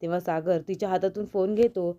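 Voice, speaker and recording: Woman narrator telling an episode recap in a steady voice; warm, a little muffled. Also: fairly low pitch, quick pace. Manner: steady retelling that carries on straight into each character's quoted lines. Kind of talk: storytelling recap of a TV serial, reading out every character's lines.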